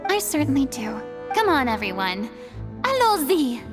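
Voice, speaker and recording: High, theatrical Furina. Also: female voice, very animated, normal speed, over music. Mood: poised, curious. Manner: grandiose, theatrical, drops French phrases. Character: theatrical, proud young woman, former archon, flustered bravado. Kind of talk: video game anime-style voice acting.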